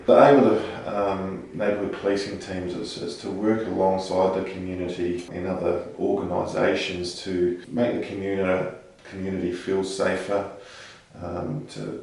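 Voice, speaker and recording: A man in his thirties with a New Zealand accent speaks in a low, flat, gravelly voice. He answers interview questions steadily with frequent ums. The recording sounds very echoey, as if the mic sits across a bare room. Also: recorded from a distance, a little hiss or hum. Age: 30s. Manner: measured, with frequent ums and restarts. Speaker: police sergeant.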